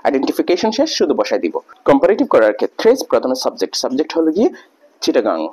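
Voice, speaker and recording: A man's voice: mid-range voice, wildly swooping pitch, quick pace, a little mellow, a little hiss or hum. A man teaching an English grammar lesson, explaining patiently step by step with many examples.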